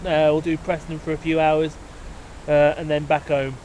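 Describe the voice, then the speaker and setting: A man with a fairly high voice narrates his trip on a railway platform, filling his talk with "uh" and "um". He rambles loosely into a handheld camera. Faint outdoor noise sits under his voice. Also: flat delivery, normal speed, darkish tone, rough recording. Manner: rambling, many fillers, self-deprecating. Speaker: railway enthusiast vlogger. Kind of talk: casual video diary narration.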